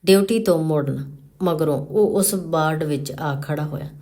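Low-voiced lady reading a novel out loud, slow and dramatic. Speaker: story reader.

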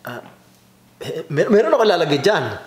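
A man's voice: on the high side, very animated, a little fast, reverberant. A man hosting a comedic cooking video, playful and laughing, announcing like a showman. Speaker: comedy vlogger. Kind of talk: comedic mukbang banter.

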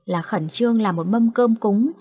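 A woman, narrating horror stories in a calm, matter-of-fact way. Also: on the high side, moderate pace, slightly rough, no room sound, clean studio sound. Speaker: storyteller.

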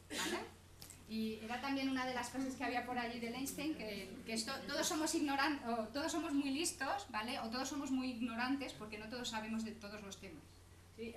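A woman's voice: high-pitched, pushed and bright. A woman giving a chatty, teasing conference talk, constantly checking in with her audience. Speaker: conference presenter. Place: conference hall. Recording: echoey conference hall, faint hum.

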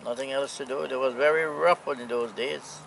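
A man in his eighties from Anguilla with a Caribbean accent, reminiscing casually in an unhurried, plainspoken way. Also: medium pitch, steady tone, creaky, a bit bright, poor audio. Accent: Anguillan Caribbean English. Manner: unhurried, plainspoken old seaman's talk with pauses. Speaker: retired sea captain, interviewee. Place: outdoors on a seaside hillside. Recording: outdoor camera audio with noise.

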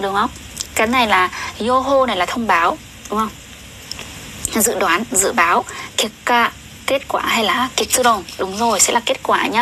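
A young woman tutoring Japanese on a livestream, chatty and often asking viewers questions, reading sentences slowly. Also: a little high, noisy background. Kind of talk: casual livestream lesson.

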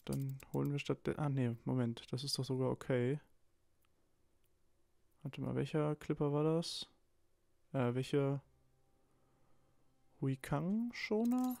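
A let's play co-host chats casually while playing a strategy game, thinking aloud with lots of restarts. He's slightly ill and a bit hoarse, his mid-range voice slow and a little mellow, with vocal fry and frequent pauses. There's no echo.

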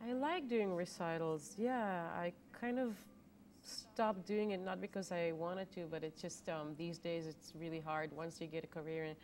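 An opera singer in her thirties, whose first language is Hebrew, speaks candidly and animatedly as a guest in a TV studio interview, laughing easily. Her voice is lowish at a moderate pace, with slight hiss or hum in the recording.

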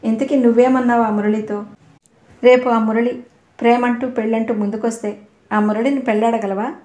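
A woman's voice: a little high, fairly even intonation, normal speed, darkish tone, echoey room, natural voice. A woman voicing a stern, sarcastic male tutor in an audio novel, probing with pointed questions.

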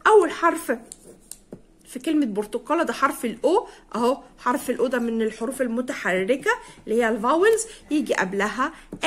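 Her voice sits high as she runs a primary school English lesson in an Egyptian Arabic accent. She is young, and she works through words slowly, repeating each one and spelling out the letters.

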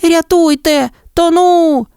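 Give me a frightened little male hare from a storybook, played by a woman. He squeaks high and panicky, far above the narrator's own voice. Dry, close sound. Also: expressive, unhurried, a little mellow, no echo. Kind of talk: storybook voice acting.

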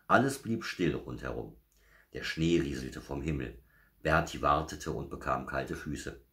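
A man reading a children's bedtime story aloud with gentle, measured pacing. His voice is extremely low and calm.

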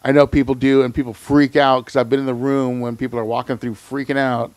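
A man's voice: mid-range voice, level tone, fairly quick, a little mellow, no room sound. A man hosting a podcast, telling stories in a laid-back, slangy casual chat. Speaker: podcast host.

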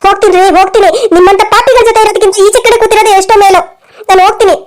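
A woman's voice: extremely high pitch, fairly even intonation, racing. A woman voicing a pleading young cartoon wife. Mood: defiant. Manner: pleading, tearful.

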